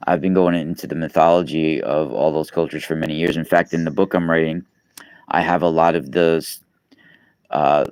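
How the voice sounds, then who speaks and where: Very deep and a little mellow, this man's voice comes through with no room sound. He's a New Yorker in his 40s, a podcast host and radio guest, chatting loosely on a live stream with many fillers and false starts.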